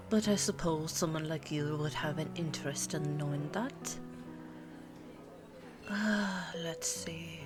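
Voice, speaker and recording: With a fairly low pitch and a teasing, coy mood, a woman performs an intimate one-sided ASMR roleplay as a pure-blood vampire girlfriend who is ageless, looks twenty-nine, and is teasing and worldly. She muses slowly and hums before she answers. Behind her are soft music and the ambience of a cafe.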